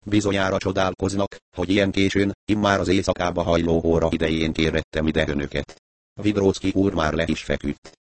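A man voicing a composed, courteous male detective who speaks in measured, formal sentences. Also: deep voice, fairly even intonation, slight background noise, close to an everyday voice. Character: composed male amateur detective, deliberate and polite.

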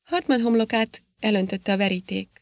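Gravelly-voiced woman narrating a novel. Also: mid-range voice. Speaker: audiobook narrator. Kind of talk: scripted narration.

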